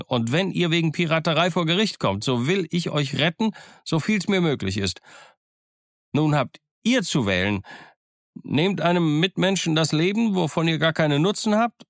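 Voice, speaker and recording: A man voicing a defiant, excited young cabin boy in an audiobook, speaking in a fervent, declamatory way. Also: medium pitch, no echo, natural voice. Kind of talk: audiobook character voice. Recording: dry close studio sound.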